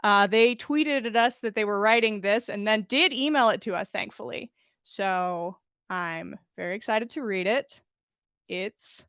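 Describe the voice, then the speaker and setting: Her pitch sits in the middle and her tone is fairly bright, with no echo in the recording. On her podcast livestream, the host talks close to a pop-filtered mic, giggly and informal, dropping casual swears between chat and fan fiction readings.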